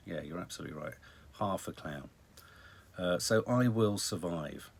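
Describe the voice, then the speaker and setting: This British live-stream host talks low and husky, yet his tone is fairly bright. His casual news chat for viewers wanders along with dry humor and theatrical stress on certain words.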